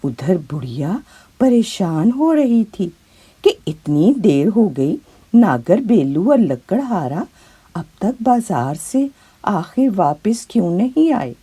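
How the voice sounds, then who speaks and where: A woman with an Urdu accent narrating a children's moral story in a dramatic, expressive way. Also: mid-range voice, slow, husky.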